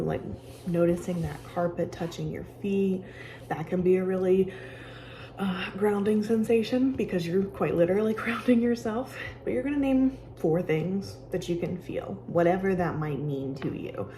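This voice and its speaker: A woman giving casual, conversational instruction as she guides a calming exercise with personal examples. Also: fairly low pitch, slight background noise. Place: office with sound machines nearby.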